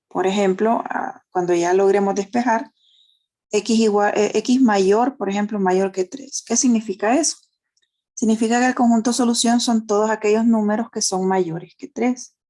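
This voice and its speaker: A woman with a Honduran Spanish accent teaches an online math class, explaining step by step and checking in with tag questions. Her mid-range voice is warm and unhurried, and she uses diminutives.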